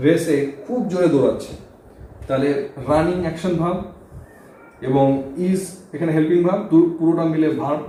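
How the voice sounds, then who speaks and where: A mellow, fairly high male voice teaches English grammar in Bengali during a board lesson, explaining each point in sequence and often asking "okay?". Faint hum sits under a very reverberant room sound.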